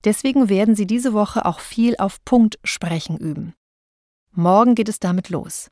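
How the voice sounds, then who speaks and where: A woman speech coach giving a voice training lesson, speaking clearly and deliberately, and slowing down to show how words are stressed. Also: mid-range voice, darkish tone, dry recording, clean studio sound. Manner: clear, deliberate, demonstrates stress with slowed example sentences.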